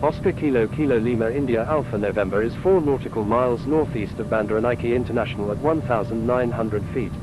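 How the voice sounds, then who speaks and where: Male pilot on a cockpit headset radio, clipped readbacks, mid-range voice, noisy engine rumble. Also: fast, few pauses.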